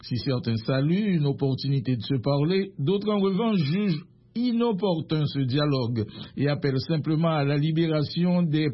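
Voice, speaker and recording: Man reading the radio news. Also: on the high side. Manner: measured, formal delivery. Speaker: news anchor. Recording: muffled radio broadcast.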